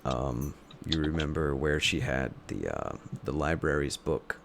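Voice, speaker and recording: A man improvising narration as a tabletop game master, thinking aloud in a halting way. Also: extremely low pitch, sing-song, vocal fry, a bit bright, a little hiss or hum.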